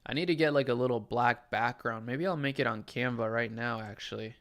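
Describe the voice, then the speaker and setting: Chill young guy from chile on a livestream, mid pitched, just talking with chat. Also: a little fast. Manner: relaxed, conversational, answers chat questions. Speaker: livestream host.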